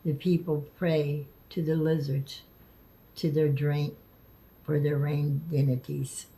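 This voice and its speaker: A woman vlogging casually, speaking haltingly and stumbling over words, with the lisping, slurred sound of missing front teeth. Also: sits low, little pitch movement, mellow, low-quality recording. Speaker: video creator. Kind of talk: casual spoken vlog, partly reading aloud.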